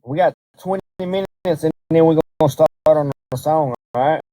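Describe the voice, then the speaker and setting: A man's voice: a little high, fairly quick, warm tone, no echo. A man hosting a casual livestream, talking in a laid-back, slangy way as he directs his chat. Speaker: livestream host.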